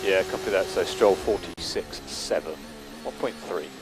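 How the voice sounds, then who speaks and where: A man's voice: low voice, lively intonation, moderate pace. A man working as a race engineer, giving clipped, matter-of-fact updates over team radio. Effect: team radio transmission. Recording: noisy team radio with car noise.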